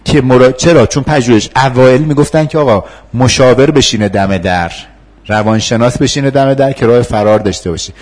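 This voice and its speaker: Husky-voiced man teaching a class. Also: mid-range voice, darkish tone. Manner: conversational, laughs often, acts out replies to students. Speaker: instructor. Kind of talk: classroom lecture with role-play.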